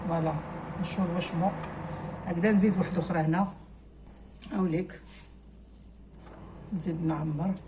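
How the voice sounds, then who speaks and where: A woman's voice: lowish voice, steady tone, brisk, pauses often, warm tone, slight background noise. A woman with an Algerian accent, casually talking viewers through a cooking recipe step by step and slipping French words into her speech. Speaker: cooking channel host.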